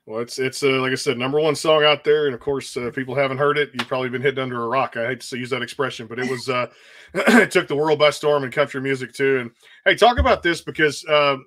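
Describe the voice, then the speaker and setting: A man's voice: mid-range voice, steady tone, quick pace, fairly bright tone. A man hosting an interview, asking rambling questions with plenty of fillers. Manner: rambling, with many fillers and back-channel mm-hmms. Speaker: host.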